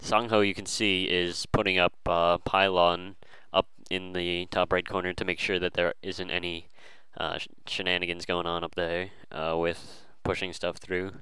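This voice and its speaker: Man, low voice, very clear and crisp, dry close sound, casual game commentary, halting with fillers. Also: level tone, pushed and bright, no echo, poor audio. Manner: hesitant, many fillers and restarts.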